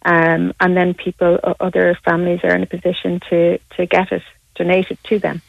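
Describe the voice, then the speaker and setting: A woman's voice: fairly low pitch, completely flat delivery, a little fast, gravelly, no room sound. A woman explaining things as an expert guest in a radio interview, earnest, often repeating words as she goes. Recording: dull, narrow phone line.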